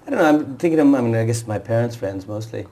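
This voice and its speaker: On a TV talk show, an author guest whose first languages are Urdu and Punjabi answers interview questions fast and hesitantly, restarting often. His mid-range voice is animated with a dark tone.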